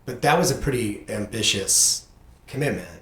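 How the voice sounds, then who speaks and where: A middle-aged man hosts a podcast and casually interviews his own teenage child, sounding earnest and reflective. His voice is on the low side and fairly bright, with lively intonation at a normal speed. The recording has a roomy echo and background noise.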